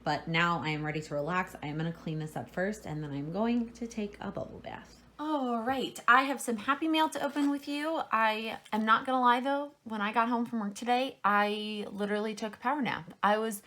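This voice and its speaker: A woman's voice: fairly high pitch, fairly even intonation, fairly quick, hardly any pauses, a bit bright. An American woman talking casually to her vlog audience in an informal, rambling way, often correcting herself as she goes. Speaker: vlogger. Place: indoors at home.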